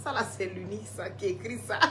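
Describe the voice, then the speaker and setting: A woman with a medium-pitched voice speaks at a normal speed over loud background music, recorded on a phone. Hosting a casual live stream to sell skin products, she answers viewer comments in a chatty, teasing way and laughs often.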